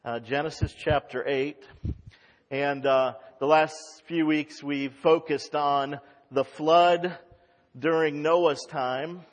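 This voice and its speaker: A man's voice: fairly high pitch, steady tone, slow pace. A male pastor preaching an expository sermon at a pulpit microphone, reading scripture aloud and explaining it. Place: church sanctuary. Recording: long reverb of a large church hall.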